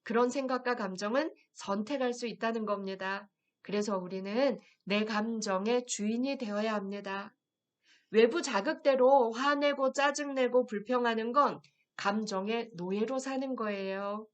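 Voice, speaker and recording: A woman teaching a health program, speaking gently to viewers and guiding them through slow affirmations. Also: on the high side. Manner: gentle, addresses viewers directly, reads phrases slowly. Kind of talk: guided affirmation lesson.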